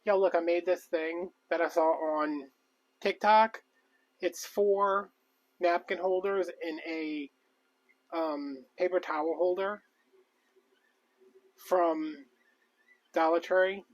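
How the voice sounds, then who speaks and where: Rambling, chatty man, slightly high. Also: steady tone, slow, pauses often, dull audio. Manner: rambling, chatty, many fillers. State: out of breath. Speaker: crafting vlogger. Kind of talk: casual live-stream chat.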